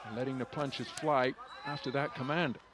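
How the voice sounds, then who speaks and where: A man's voice: medium pitch, steady tone, moderate pace. A man giving live boxing commentary, fluent and articulate play-by-play with vivid wording.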